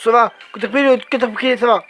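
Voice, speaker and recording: A man giving let's play commentary, swearing a lot and exclaiming excitedly as he talks to himself. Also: very high-pitched, a little fast, faint music behind. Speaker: gamer.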